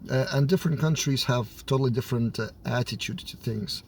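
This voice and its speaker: This software developer and team lead, who has a Lithuanian accent, speaks briskly in an everyday mid-range voice that carries a touch of a cold. Talking casually to the camera, he works through his view out loud, dropping hesitations and fillers between phrases, over slight background noise.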